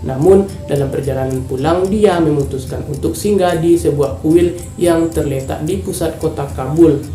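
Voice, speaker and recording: A man from Indonesia narrating a true-crime story in a casual, informal way, openly angry at the wrongdoer. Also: a little high. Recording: echoey room with faint music.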